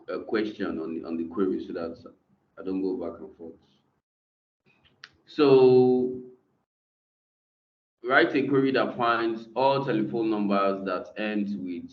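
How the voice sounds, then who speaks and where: Low, slow teacher on a screen-recorded video call. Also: male voice. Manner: hesitant, many fillers. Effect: screen-recorded video call audio. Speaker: instructor. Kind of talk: online class lecture. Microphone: computer mic on a video call. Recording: dull, echoey video-call audio.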